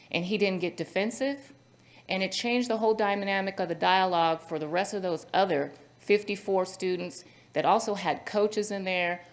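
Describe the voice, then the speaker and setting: Woman panel moderator, lowish voice, earnest and anecdotal, filler-heavy delivery. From Central Valley, California. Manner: earnest, storytelling with many fillers. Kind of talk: conference panel remarks.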